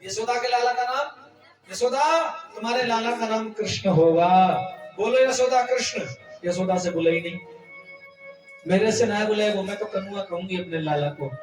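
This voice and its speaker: A man's voice: high voice, moderate pace, reverberant, recorded from a distance, faint music behind, rough recording. A man giving a devotional discourse as a storyteller preacher, acting out the dialogue of the story. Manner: tells the story in voiced dialogue, breaks into sung Sanskrit verses. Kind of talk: devotional scripture recitation and storytelling.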